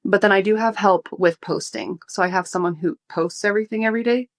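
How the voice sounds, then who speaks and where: A woman's voice: medium pitch, brisk. A young woman, a food blogger, answering interview questions in casual chat, a little out of breath. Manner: relaxed, thoughtful, many fillers. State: slightly out of breath.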